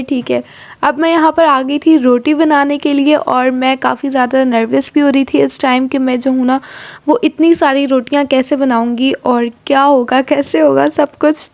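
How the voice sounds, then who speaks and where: A woman's voice: high voice, a little mellow. A young woman from Pakistan chatting casually through a cooking vlog in her home kitchen, rambling with filler phrases and giggles. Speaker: vlogger. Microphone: camera or phone, sometimes hand-held.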